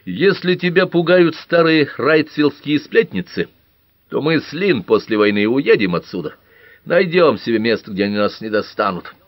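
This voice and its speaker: A combative young man of twenty-one pushes back bluntly, as a male narrator puts him on. The voice is raised and lively, and the reading sits dry and close. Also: mid-range voice, moderate pace, no echo, pitched above the performer's own voice, lightly acted. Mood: defiant. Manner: blunt, defiant.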